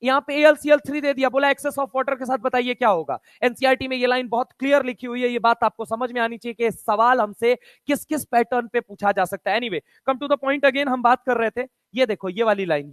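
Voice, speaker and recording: A man teaching a chemistry lesson, firing quick questions at students, counting aloud and mixing Hindi with read-out English textbook lines in a casual, chummy way. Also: very high voice, fairly bright tone, dry recording. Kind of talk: online chemistry lecture.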